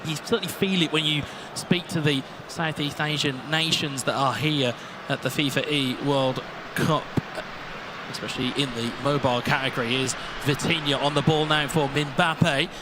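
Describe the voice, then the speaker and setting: A man with a high voice commentates an esports football match in a live broadcast. He calls the play in quick bursts and climbs into shouts at the big moments. Steady background noise sits under his voice. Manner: excitable, rising to shouts at goals.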